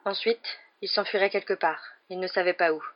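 A woman narrating a storybook in a calm, even reading manner. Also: fairly low pitch, brisk, lo-fi sound. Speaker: audiobook narrator. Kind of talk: scripted narration.

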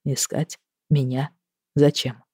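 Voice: medium pitch, little pitch movement, dark tone, breathy edge, no echo. A reader voicing a sly, teasing thief-lord lute player. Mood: wry. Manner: dry, teasing, unhurried. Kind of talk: audiobook character voice.

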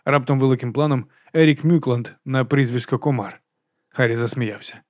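Calm male audiobook narrator, dry sound. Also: mid-range voice, normal speed, no room sound. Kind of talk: scripted narration.

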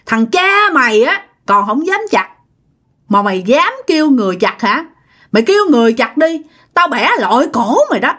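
Fierce old ghost woman, as a woman puts her on, Southern Vietnamese accent, harsh fast threats, shrill high voice. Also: very animated, pushed and bright, heavily acted. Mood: furious threatening.

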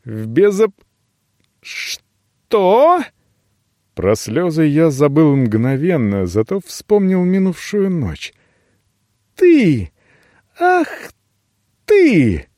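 A man playing a feisty young woman whose voice jumps high and sharp. She flares up at once and snaps back. The sound is dry and close. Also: wildly swooping pitch, slow, pauses often, dry recording, full character voice. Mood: indignant.

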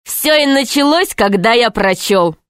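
A woman reading aloud, voicing an eager, carefree boy who talks in a brash, lively way. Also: on the high side, measured pace, smooth, no echo, clean studio sound.

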